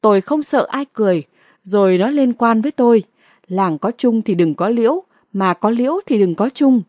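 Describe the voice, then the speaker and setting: A woman's voice: on the high side, expressive, normal speed, a little mellow, no echo, studio quality, natural voice. A woman narrator voicing an angry, blustering male village headman. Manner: blustering, threatening.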